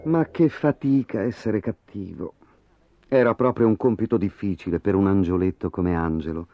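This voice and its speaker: A man reading a children's story aloud as narrator, in a playful, expressive way. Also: normal speed. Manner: very animated, playful reading with sudden pitch swings. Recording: dry, tinny phone-like sound with faint music.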